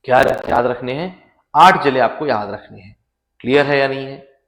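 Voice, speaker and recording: A man's voice: medium pitch, moderate pace, fairly bright tone, poor audio. A man lecturing a class, chatty and repetitive, drilling lists and asking the students questions. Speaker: teacher.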